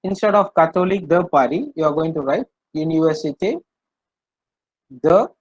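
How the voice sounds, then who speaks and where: A French language teacher with an Indian accent runs an interactive lesson, repeating phrases, translating them line by line and often asking brief questions to check understanding. His voice is a little high and darkish, expressive at a moderate pace. The sound is muffled and very dry, with no room around the voice.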